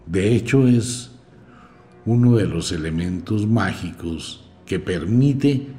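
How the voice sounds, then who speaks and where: A man teaching a magic course in a podcast lecture, emphatic and swinging between quiet and loud. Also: low-pitched.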